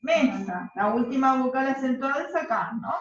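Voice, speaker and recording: A literature teacher gives a classroom lesson in a high, animated voice at a moderate pace, patiently explaining step by step and often checking that students follow. A crowd can be heard behind her, and the recording sounds roomy, distant and dull.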